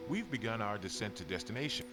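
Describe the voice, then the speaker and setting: A man voicing a composed airline captain, making formal in-game cabin announcements in a steady, scripted way. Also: on the low side, fast talker, over music. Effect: in-game cabin announcement played faintly in the background.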